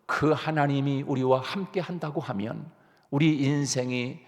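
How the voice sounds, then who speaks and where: A man's voice: mid-range voice, steady tone, a little slow. A male pastor delivering an early-morning sermon, telling a story earnestly and asking the congregation rhetorical questions. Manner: earnest, rising emphasis, frequent hesitations. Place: church sanctuary. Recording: long church reverb.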